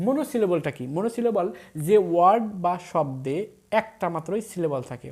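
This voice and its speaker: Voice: medium pitch, warm tone. A teacher giving an English grammar video lesson. The teacher spells words out letter by letter, repeats key points and keeps asking the viewers questions.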